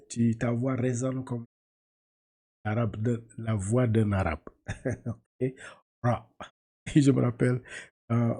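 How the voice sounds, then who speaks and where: A man's voice: mid-range voice, warm tone. A man teaching a class to read Arabic letters, patiently repeating syllables and often laughing as he explains. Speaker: Quran reading teacher.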